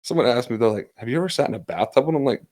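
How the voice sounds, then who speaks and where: A man in his thirties co-hosting a relaxed podcast chat. He tells stories about his kids and breaks into laughter often. His voice sits at a medium pitch. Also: very fast. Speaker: podcast co-host. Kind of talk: casual chat.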